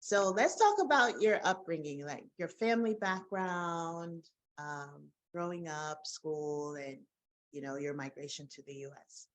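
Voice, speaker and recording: A woman's voice: low-pitched, unhurried. A woman hosting a podcast interview, speaking in an effusive, conversational way and laughing often. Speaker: podcast host.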